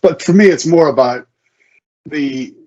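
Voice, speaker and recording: A man with a darkish voice on the high side speaks a little slowly as a guest author at an online video event. Conversational and hesitant, he corrects himself and stammers into restarts as he thinks aloud. The sound is muffled, lo-fi online call audio.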